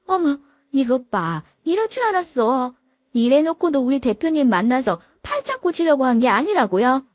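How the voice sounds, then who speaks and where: A woman voicing a spiteful young female lawyer who talks down to her sister-in-law with shrill scorn. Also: big pitch swings, moderate pace, slight background noise. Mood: sneering.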